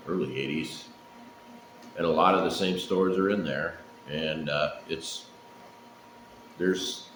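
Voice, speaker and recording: A middle-aged man with a low voice talks in a loose, rambling way. He takes his time, pausing often and speaking plainly. The room is echoey, with faint noise behind him. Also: a bit bright. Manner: laid-back, profane, unhurried with frequent pauses. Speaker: pipe-smoking vlogger. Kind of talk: casual rambling solo chat.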